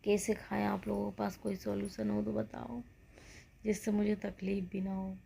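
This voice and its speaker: A woman's voice: mid-range voice, level tone, normal speed, creaky, warm tone, a little hiss or hum. A woman in her thirties chatting casually to her viewers, unwell and rambling, sometimes dropping to a whisper. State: unwell with joint pain. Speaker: vlogger. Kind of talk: casual vlog chat.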